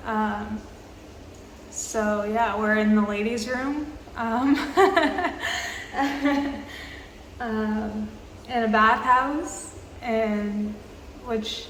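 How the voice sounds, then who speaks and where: A woman in her twenties talking casually for a vlog, with many pauses and fillers, recorded in a public bathroom. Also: on the high side. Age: 20s. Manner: halting, filler-heavy, slow and even. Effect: roomy bathroom echo. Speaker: vlogger. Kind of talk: casual travel vlog chat. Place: small tiled public bathroom, indoors. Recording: echoey bathroom with faint background noise.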